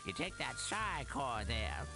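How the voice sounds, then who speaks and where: An actor playing a folksy old camp shopkeeper in a video game, with drawling sales patter. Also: male voice, medium pitch, sing-song, slow, gravelly, music in the background, full character voice. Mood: salesy.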